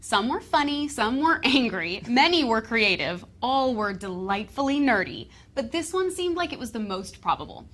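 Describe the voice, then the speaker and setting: A woman's voice: fairly high pitch, very animated, moderate pace, hardly any pauses, a bit bright. A woman co-hosting a scripted tech rumor show with wry, skeptical banter.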